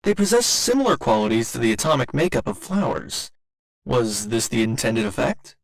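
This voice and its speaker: A man with a medium-pitched, sing-song, creaky voice plays a polite, earnest robot boyfriend in an ASMR roleplay at a moderate pace. His formal, precise, naively literal wording is chosen carefully, with occasional glitchy stutters, and he sounds curious and polite.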